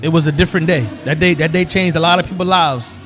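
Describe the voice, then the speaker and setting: A man's voice: fairly high pitch, fairly even intonation, fast, fairly bright tone, soft background music. Laid-back New York host man. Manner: laid-back, affirming with short backchannels. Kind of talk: casual interview.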